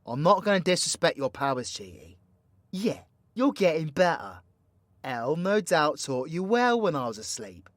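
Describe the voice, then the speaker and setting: In an audio drama, a man plays a cocky, foul-mouthed British supervillain plotting mayhem, delivering an intimate monologue to the listener as he teasingly mentors an ally. His slightly high voice swings widely in pitch at a moderate pace, full of theatrical, sweary slang, in a teasing, instructive mood. The sound is close and dry with no echo.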